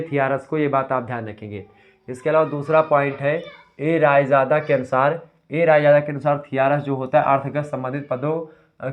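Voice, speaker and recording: Lo-fi lecture from a man. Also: medium pitch. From Uttar Pradesh, India. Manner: explanatory, repeats key terms with "ठीक है". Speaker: teacher. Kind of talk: exam revision lecture. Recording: lo-fi dull sound.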